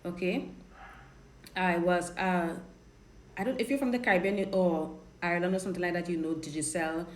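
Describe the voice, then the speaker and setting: A woman from Trinidad, a dating coach, talks candidly and chattily on a live stream while responding to viewer questions in her Trinidadian accent. Her pitch is fairly low and her pace moderate, she repeats and restarts words, and the sound is roomy with faint noise.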